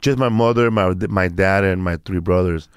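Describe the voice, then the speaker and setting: A man's voice: deep voice, moderate pace, clear, resonant tone, no room sound, clean studio sound. A man in his fifties from Mexico, telling stories in a casual chat with lots of restarts and acted-out quotes. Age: 50s. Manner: rambling storyteller, restarts, acts out quotes.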